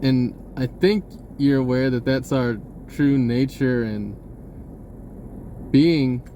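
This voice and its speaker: This male online video creator has a mid-range, dark voice and takes his time. His message is rambling and unplanned, delivered casually and hesitantly with frequent rephrasing, and a faint hiss or hum sits under it.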